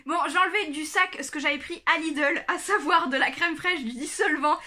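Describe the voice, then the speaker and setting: A woman's voice: high-pitched, moderate pace, bright, forceful tone. A young woman chatting casually in a haul vlog, showing her finds with many fillers and small self-corrections. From France. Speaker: craft vlogger.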